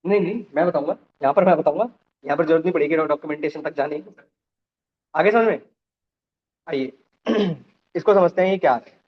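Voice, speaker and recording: A man's voice: fairly high pitch, brisk, pauses often, lo-fi sound. A man teaching a live programming class, explaining step by step and often checking that the students follow.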